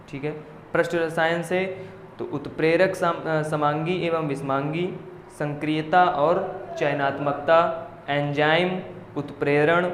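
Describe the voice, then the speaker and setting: A male coaching teacher steadily reading out a list of syllabus topics and checking in with his students as he goes. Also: fairly high pitch. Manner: steady listing with frequent "theek hai" check-ins. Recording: echoey room with faint noise.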